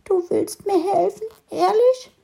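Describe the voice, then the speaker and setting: A woman voicing a small, freezing, lost ladybug that whimpers and sobs in a high squeak. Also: unhurried, vocal fry, warm tone, exaggerated voice. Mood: hopeful.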